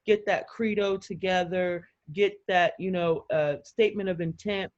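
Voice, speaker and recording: A woman's voice: fairly low pitch, fairly even intonation, darkish tone. Energized woman on a muffled video call. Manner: energized, talks fast with many fillers and quoted voices. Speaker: community organizer in a video call. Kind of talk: excited casual chat.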